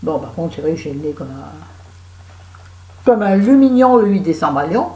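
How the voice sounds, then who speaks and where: A woman's voice: low voice, sing-song, normal speed, darkish tone. A French woman with a cold and a sore throat, chatting to her viewers in a rambling, self-mocking vlog at home. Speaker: vlogger. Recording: echoey room.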